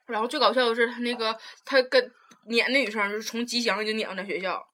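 A woman's voice: on the high side, quick pace. A young woman, telling stories in a casual chat and laughing often. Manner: animated storyteller, laughs often.

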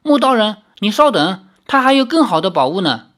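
A storybook narrator voicing a clever young girl who talks quickly and coaxingly. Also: medium pitch, sing-song, fairly bright tone, pitched above the performer's own voice. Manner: coaxing, quick, sweet-talking. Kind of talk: audiobook reading.

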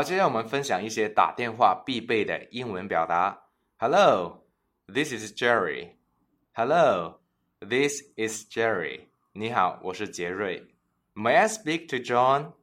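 A man teaching English phrases in a bilingual lesson, repeating each phrase slowly for learners. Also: fairly low pitch, a bit bright. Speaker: language teacher.

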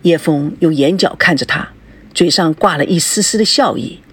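A woman narrating a novel aloud in an expressive storytelling manner. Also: low-pitched, moderate pace, husky. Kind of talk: audiobook novel reading.

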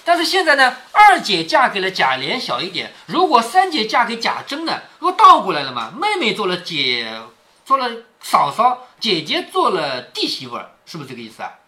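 A man's voice: high voice, huge pitch swings, moderate pace, sharp tone. Chatty man explaining a classic novel. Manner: chatty explaining, frequent tag questions. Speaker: father reading to his daughter. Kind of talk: reading a classic novel aloud with commentary.

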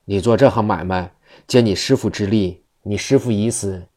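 A man's voice: lowish voice, moderate pace, darkish tone, lightly acted. A man reading a caring elderly mother. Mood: concerned.

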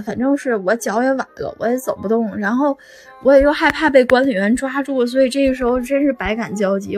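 A hapless young student who got stuck posing as a horror wax figure, as a woman tells it in his voice. He rambles along, stringing his account together with one "and then" after another. The voice sits fairly high, and soft music plays behind it. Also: lightly acted. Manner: rambling, full of "then" fillers.

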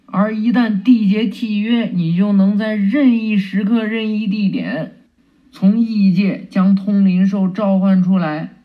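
A man's voice: high voice, unhurried, muffled recording. A man casually retelling a cartoon episode, chatty, with many fillers and self-corrections. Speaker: storyteller retelling an anime episode. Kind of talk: casual oral retelling with acted voices.

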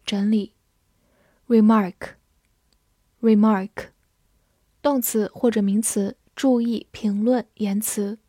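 A woman English teacher narrating a vocabulary lesson, slowly repeating each word twice before giving its meaning. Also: mid-range voice, mellow, breathy edge, dry recording, clean studio sound. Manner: slow, drawn-out word repetition.

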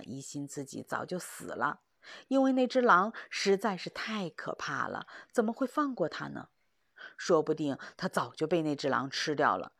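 A woman narrating a children's story, expressive and slowing down for suspense. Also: low-pitched, creaky, no room sound, studio quality.

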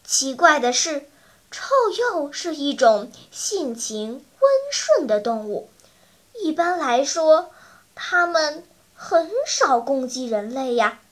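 A woman voicing a calm, clever girl who explains about animals. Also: high voice, slow pace. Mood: explaining. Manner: patient, explaining.

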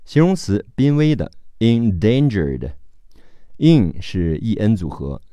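Male vocabulary tutor, low and unhurried, spells words letter by letter; dry close voice-over. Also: big pitch swings, warm tone, no echo, muffled recording. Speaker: English teacher. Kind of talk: spelling and pronunciation lesson.

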